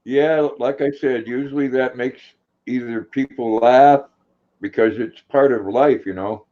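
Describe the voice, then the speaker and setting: A man's voice: medium pitch, a little slow. A man chatting casually and jokingly on a livestream. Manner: joking, prone to laughing. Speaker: livestream participant. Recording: dull, lo-fi livestream audio.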